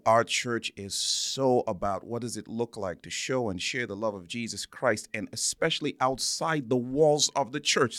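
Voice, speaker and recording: A medium-pitched, fairly bright male voice comes through a studio-quality recording with no echo. The speaker, a church minister from Zambia, is an interview guest telling personal stories earnestly, repeating words for emphasis.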